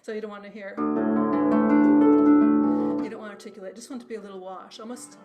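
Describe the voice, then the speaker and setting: Woman, harp teacher on a video call, chatty, quizzing tone, mid pitch, heavy harp underneath. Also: fairly even intonation, fast, over loud music. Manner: chatty, quizzes the class with tag questions. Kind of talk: online harp workshop teaching. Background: harp playing.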